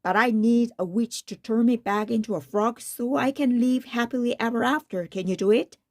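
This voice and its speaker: A woman's voice: a little high, normal speed, a little mellow. Polite, earnest prince, voiced by a woman. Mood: pleading, flustered. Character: polite, earnest young fairy-tale frog prince.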